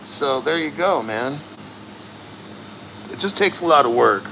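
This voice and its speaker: A man chatting casually and bluntly to livestream viewers, earnest and straining through the cold as he sits neck-deep in an ice plunge. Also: animated, unhurried, vocal fry, noisy background. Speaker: livestream host.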